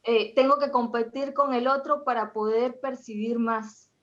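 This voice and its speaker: A woman in her forties from Venezuela with a Venezuelan accent, sharing a measured, hesitant comment as a participant. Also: fairly high pitch, fairly even intonation, highs cut off. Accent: Venezuelan Spanish. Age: 40s. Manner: measured, hesitant, with many fillers. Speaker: audience participant, accountant. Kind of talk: conversational comment.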